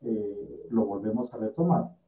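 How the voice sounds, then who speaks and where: A man's voice: fairly low pitch, lively intonation. Man lecturing in a roomy, distant recording. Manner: measured, explains step by step with examples. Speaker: friar lecturing in a virtual Bible study. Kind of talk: explanatory lecture. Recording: dull, roomy sound from away from the mic.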